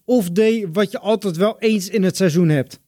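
High-pitched, mellow male interviewer. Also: normal speed, dry recording, clean studio sound. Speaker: sports radio interviewer. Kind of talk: conversational interviewing.

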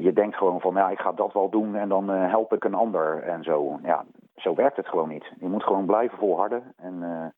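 A man speaking as a sports coach in an unscripted interview, colloquial and halting, often repeating words as he explains. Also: sits low, no room sound, narrow, tinny audio. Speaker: volleyball coach. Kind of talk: radio interview, unscripted analysis.

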